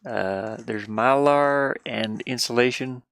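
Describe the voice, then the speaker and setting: A man with a medium-pitched, slow, fairly bright and smooth voice, recorded with no room sound. He's a livestreamer drawing on an art tablet inside an insulation-lined metal van. He chats casually and informally, rambling and often muttering half to himself.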